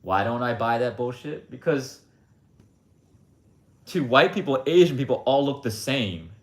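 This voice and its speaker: This American man hosting a livestream has a mid-range, animated voice and a measured pace. His monologue is casual, blunt and opinionated, wandering through many asides, captured with a roomy echo.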